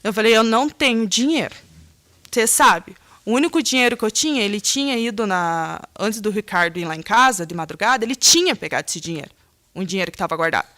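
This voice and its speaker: A woman's voice: mid-range voice, lively intonation, fairly quick, sharp tone. A woman giving rambling courtroom testimony. She acts out the phone calls she recounts in a raised voice. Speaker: witness.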